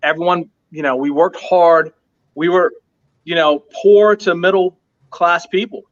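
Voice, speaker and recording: An American restaurant owner tells his story as an interview guest, earnest and emphatic, repeating points for stress. His voice is on the high side, with fairly even intonation and a slightly slow pace. The highs in the audio are cut off.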